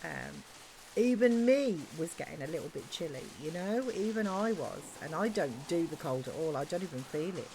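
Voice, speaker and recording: A woman's voice: deep voice, animated, normal speed, vocal fry, mellow, slight background noise. A woman streamer chatting casually and rambling through stories while playing a game. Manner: chatty, rambling storyteller with regional slang.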